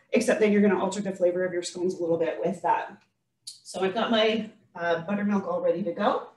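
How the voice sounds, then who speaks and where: Woman demoing baking, distant and echoey. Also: medium pitch. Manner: chatty, self-deprecating, restarts often. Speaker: baking demonstrator. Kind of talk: casual cooking demonstration. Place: home kitchen, indoors. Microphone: laptop camera across the room, video call. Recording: echoey kitchen, speaker far from mic.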